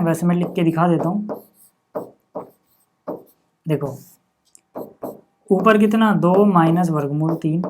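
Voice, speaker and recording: A man teaching maths in a steady, patient way, breaking each calculation into small steps. He keeps asking the class what comes next and then answers himself. He often pauses to check in before moving on. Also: high voice. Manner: patient, asks the class rhetorical questions then answers them; frequent checking-in with "okay" and "see". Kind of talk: step-by-step blackboard-style maths lesson.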